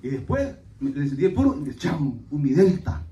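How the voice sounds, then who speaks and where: A man preaching a sermon as pastor, telling folksy stories to his congregation and breaking into loud exclamations. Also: fairly high pitch, big pitch swings, quick pace. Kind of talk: Spanish-language church sermon. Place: church sanctuary. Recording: echoey church hall, mic at a distance.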